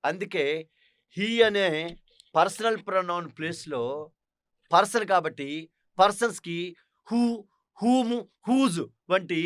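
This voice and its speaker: A man's voice: sits high, no echo, studio quality. A man teaching an English grammar lesson, explaining step by step and asking his class rhetorical questions. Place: online teaching studio.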